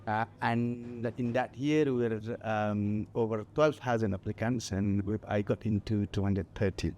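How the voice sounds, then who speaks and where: Halting Nepali-accented man in interview. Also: on the low side, fairly even intonation, a little mellow, slight background noise. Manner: halting, many fillers, laughs lightly. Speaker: guest mountaineer. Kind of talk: festival stage interview.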